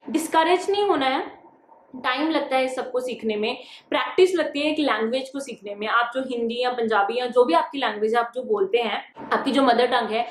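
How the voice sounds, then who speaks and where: High-voiced young woman vlogging. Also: slight background noise. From Punjab, India. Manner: encouraging, switches freely between Hindi and English. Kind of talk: casual advice vlog. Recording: echoey room.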